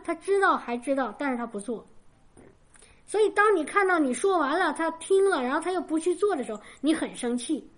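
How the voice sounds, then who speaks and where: A woman in her forties preaching to her congregation in a conversational way, telling personal stories. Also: high voice. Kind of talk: sermon.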